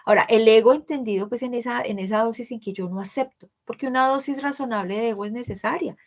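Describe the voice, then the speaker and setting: A woman's voice: fairly high pitch, fast. A woman with a Colombian accent giving an online workplace training session, explaining patiently and checking in with her listeners after nearly every point. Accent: Colombian Spanish. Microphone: video call. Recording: dull lo-fi video call audio.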